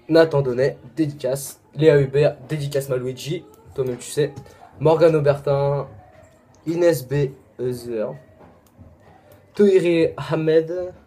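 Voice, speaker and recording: A young man with a French accent, rattling off a long list of names in a casual shout-out video, with quick asides and apologies. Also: on the high side. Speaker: vlogger.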